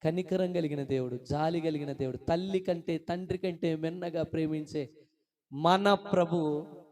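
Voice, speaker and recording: A male pastor preaching an Easter sermon with passion, swinging between hushed lines and loud outbursts and repeated hallelujahs. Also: on the high side, fairly even intonation, moderate pace.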